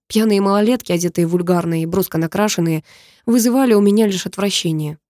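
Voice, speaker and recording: A woman narrating a story in the first person, in a measured and intimate way. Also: mid-range voice, dark tone, dry recording, studio quality. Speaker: audiobook narrator.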